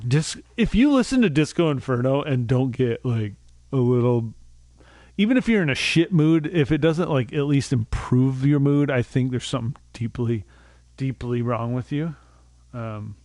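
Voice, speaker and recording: Chattering casually on a desk mic during a gaming stream, a young man rambles, mocks himself and occasionally breaks into goofy improvised songs. His voice is medium in pitch with a darkish tone, and the recording is dry.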